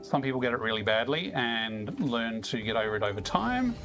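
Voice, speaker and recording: An easygoing Australian man talks through his game stream in a mid-range voice, chatting with viewers and chuckling often. Faint music plays quietly underneath his voice. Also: mid-range voice, lively intonation, a little fast. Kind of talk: casual live-stream chat while playing.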